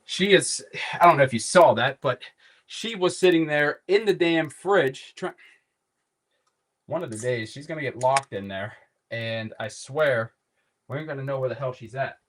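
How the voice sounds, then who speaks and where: A man's voice: medium pitch, normal speed, fairly bright tone. A man with a Pittsburgh accent hosting a casual live cooking demo from his home kitchen, rambling loosely and swearing offhand. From Pittsburgh area. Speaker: cooking livestream host.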